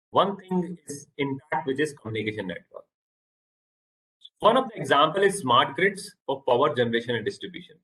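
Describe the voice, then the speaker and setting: A man with an Indian English accent giving a halting online lecture over a video call, often repeating words. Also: fairly high pitch, pushed and bright, poor audio.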